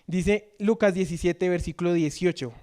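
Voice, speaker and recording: Preacher guy, pretty high voice, reads verses, goes loud then soft. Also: moderate pace. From Colombia. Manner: asks the congregation questions, reads scripture, shifts between loud and soft. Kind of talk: sermon. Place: church.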